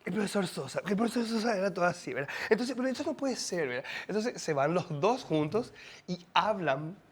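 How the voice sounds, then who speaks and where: Paraguayan man, high voice, animated storyteller who slips into impressions, TV guest. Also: fairly quick, slightly rough. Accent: Paraguayan Spanish. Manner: animated, laughing, mimics voices. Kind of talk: casual storytelling.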